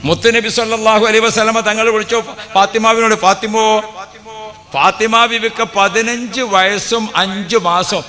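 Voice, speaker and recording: A male preacher delivers an animated sermon in a high, bright voice. He tells stories, asks rhetorical questions, and acts out quotes. His voice rings through a reverberant hall. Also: normal speed. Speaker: Islamic preacher.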